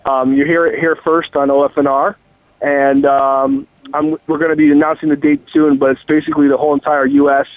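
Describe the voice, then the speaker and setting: A medium-pitched man, heard with no room sound, rings in through his car speakerphone mid-drive. Guesting as a musician in a casual phone interview, he rambles freely, swears often, and uses many fillers, the line tinny and dry.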